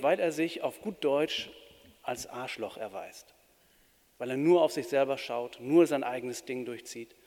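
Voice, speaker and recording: A pastor giving a sermon in an earnest, plain-spoken way with shifting emphasis. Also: male voice, fairly high pitch. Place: church. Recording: reverberant church hall.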